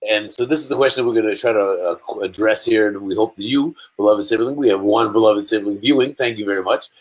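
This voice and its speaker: A man's voice: lowish voice, fast talker. A man hosting a comedic science show with a playful, theatrical manner, speaking over a call. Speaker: host.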